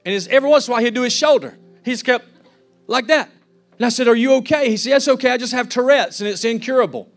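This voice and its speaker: A man delivers a fervent sermon in a high-pitched voice, acting out each person he quotes. Soft music plays faintly behind him. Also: fast talker. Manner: fervent, preachy, acts out quotes. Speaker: pastor.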